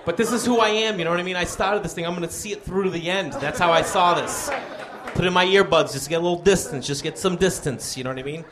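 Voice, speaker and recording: A man's voice: sits high, quick pace, a crowd in the background. A man doing a stand-up comedy set, telling a story and acting out both sides of a phone prank. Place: comedy club stage. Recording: live club recording, audience laughter and noise.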